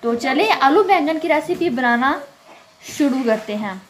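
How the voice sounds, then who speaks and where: Animated and a little slow, a woman with a high voice hosts a cooking channel voice-over, walking through each step of a home recipe in a friendly, casual manner with English words mixed in. There is slight background noise from frying and stirring in her home kitchen.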